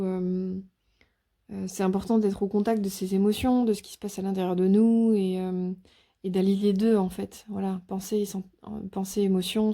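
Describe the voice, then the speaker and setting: Very dark, flat-voiced woman reading tarot. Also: medium pitch. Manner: hesitant, many fillers and restarts, soft and gentle. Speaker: tarot reader. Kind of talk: casual spoken tarot reading to viewers.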